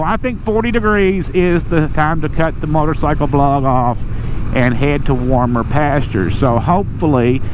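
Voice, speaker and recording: A middle-aged man talking in a casual, folksy way, thinking aloud as he vlogs from inside a motorcycle helmet while riding. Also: mid-range voice. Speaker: motorcycle vlogger. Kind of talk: casual rambling vlog talk while riding. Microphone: microphone inside motorcycle helmet. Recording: steady motorcycle engine and road noise.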